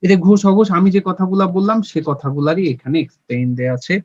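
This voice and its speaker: A young man with a high voice teaches a grammar lesson online. He takes it step by step and quizzes his listeners, then answers himself. The recording is dry and dull, with a lo-fi sound. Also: lively intonation, quick pace, darkish tone, dry recording. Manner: has listeners repeat sounds with him.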